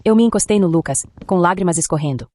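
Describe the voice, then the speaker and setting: A woman tells a first-person story in a low-pitched voice. She moves through it at a quick clip, steady and even. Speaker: story narrator.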